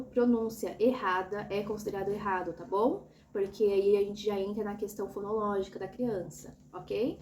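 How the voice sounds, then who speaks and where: A woman's voice: on the high side, darkish tone, a little hiss or hum. A woman explaining an assessment step by step, patiently and often checking that the listener is following. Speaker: educator explaining a child assessment. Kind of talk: instructional tutorial.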